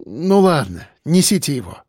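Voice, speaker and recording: A man's voice: on the high side, big pitch swings, normal speed, a little mellow, slightly rough, dry recording, studio quality. A man voicing a nervous, indignant male hospital doctor who protests and frets. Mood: resigned.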